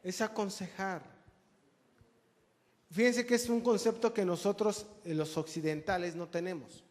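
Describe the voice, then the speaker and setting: A man's voice: sits high, steady tone, unhurried. A man preaching a conversational sermon, joking with the congregation. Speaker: pastor. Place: church hall. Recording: long church reverb.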